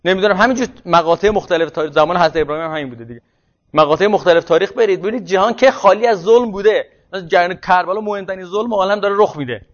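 A man's voice: sits high, dull audio. A man giving a classroom lecture on social theory, thinking aloud and often restarting words mid-phrase.

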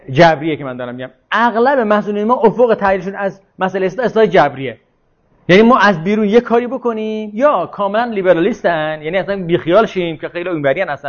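A man's voice: sits high, muffled recording. A man leading an informal religious lecture and discussion, talking in a discursive way, repeating his points and asking rhetorical questions.

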